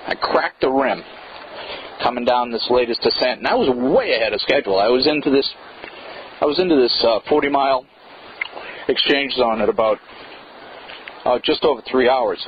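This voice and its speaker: A man's voice: medium pitch, moderate pace, long pauses. A man who races mountain bikes gives a blunt, wry report, swearing casually, and his voice is played back through a speaker and re-recorded. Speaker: mountain bike racer phoning in a report. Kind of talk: casual spoken field report. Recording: dull lo-fi sound with faint hiss.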